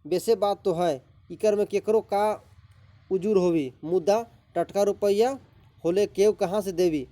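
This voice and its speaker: A man reading a village man's dialogue aloud, slower and a bit louder than his usual talk. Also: high voice. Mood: reasoning.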